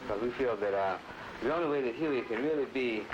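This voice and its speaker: Man, activist, archival newsreel interview, rushed and casual with verbal tags, noisy old film sound. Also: medium pitch, highs cut off. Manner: loose and rushed, with "you know" and "you see" tags.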